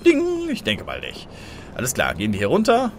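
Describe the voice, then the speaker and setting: Excitable gamer man, lively voice. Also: lowish voice, brisk, a little hiss or hum. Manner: excitable, easily startled, chatty with viewers, cartoonish sound effects. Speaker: let's play gamer. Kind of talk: blind let's play commentary.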